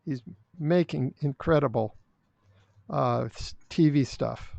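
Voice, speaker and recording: An older man speaking as a podcast guest in casual interview chat, blunt and opinionated, halting with restarts. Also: mid-range voice, vocal fry, a little mellow, no room sound. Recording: dry, dull lo-fi sound.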